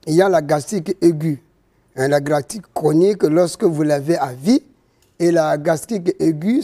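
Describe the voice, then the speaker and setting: A man, a traditional healer interviewed as a guest, explaining slowly and step by step with hesitations. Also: on the high side, warm tone. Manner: slow, didactic, explaining step by step with many hesitations.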